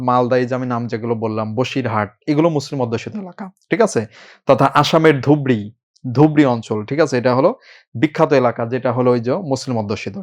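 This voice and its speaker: A man teaching an admission coaching class, informal and brisk, often checking in with his students. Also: medium pitch. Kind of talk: live online class lecture.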